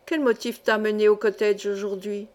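A woman's voice: medium pitch, level tone, moderate pace, darkish tone, close to an everyday voice. A woman reading the lines of a young male miner with respectful, plain replies. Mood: earnest.

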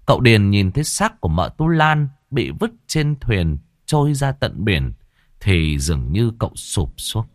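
A male storyteller reads a horror tale at an unhurried, deliberate pace. His lowish voice rises and falls with lively expression, recorded close and dry. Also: no echo. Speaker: narrator. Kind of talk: dramatic horror story narration.

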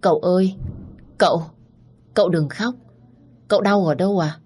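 A woman's voice: lowish voice, normal speed, darkish tone, slightly rough. A woman voicing a timid young servant girl who speaks meekly and pleads. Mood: gentle. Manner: meek, pleading.

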